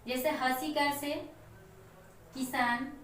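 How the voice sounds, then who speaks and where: High-voiced woman teacher in an echoey room. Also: steady tone, a bit bright. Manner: slow, explaining step by step with examples. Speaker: Hindi teacher. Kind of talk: classroom lesson to children. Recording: echoey room, mic far off, faint noise.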